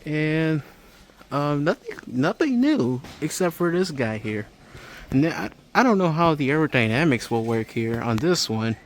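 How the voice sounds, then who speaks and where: Strolling through a big home improvement store, a man films on his phone and offers halting, absorbed hobbyist commentary for his vlog. He sounds a little high and very animated, with store sounds clearly audible behind him.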